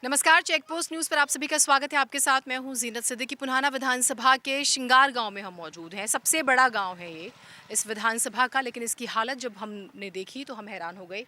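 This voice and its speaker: A woman news reporter on location, opening a segment and putting brisk, direct questions to villagers outdoors. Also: on the high side, pushed and bright. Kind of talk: field reporting and interviewing.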